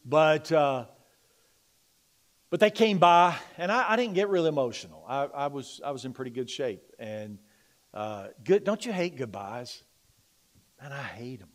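A middle-aged male pastor preaching a sermon in a church. He moves between loud, emphatic preaching and quiet, confiding personal stories. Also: medium pitch, animated, a little slow, long pauses. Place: church sanctuary.

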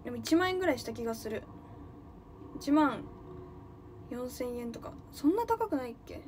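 A woman's voice: sits high, animated, moderate pace, a little mellow, slight background noise. A young woman from Nagano, chatting casually on a livestream, thinking aloud and greeting viewers often. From Nagano, Japan. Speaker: livestreaming idol.

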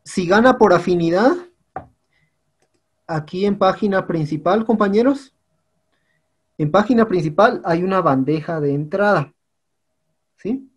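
A man with a fairly high, slightly rough voice speaks with lively intonation, taking his time and pausing often. He's a teacher patiently guiding students through an online class platform, checking in frequently and repeating "compañeros" and "¿sí?" again and again.

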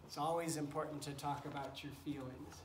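A man whose voice is a little high, with a steady tone and a slightly fast pace, reads a picture book to children in a teacherly way. Encouraging chatter mixes with asides to the goats and chickens sharing his wooden, straw-lined barn pen. The distant camera mic, set a few feet away, gives a roomy, noisy barn sound.

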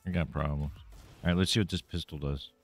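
A man's voice: very deep voice, steady tone, quick pace, faint music behind. A man streaming a game live, commenting casually, swearing freely and taunting the enemies he fights.

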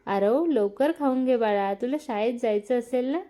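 A gentle young married woman who speaks softly and slowly, as a woman narrator reads her lines. Her voice sits high and warm. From a family story read aloud. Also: natural voice.

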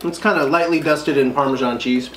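A woman's voice: deep voice, brisk. A woman hosting a family vlog, casually reading snack packages aloud, counting down and giving ratings. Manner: reads package text, counts down, gives ratings. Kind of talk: casual snack taste-test chat. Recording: echoey room, faint hiss.

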